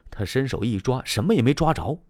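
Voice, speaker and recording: A male storyteller telling a classic tale in the traditional oral style, animated, with sound words and asides to his listeners. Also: medium pitch, brisk, dry recording, studio quality.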